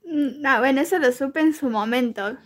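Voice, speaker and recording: Argentine woman, podcast co-host, high voice, giggly, rambling, teasing. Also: normal speed. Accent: Argentine Spanish. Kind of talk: casual chat.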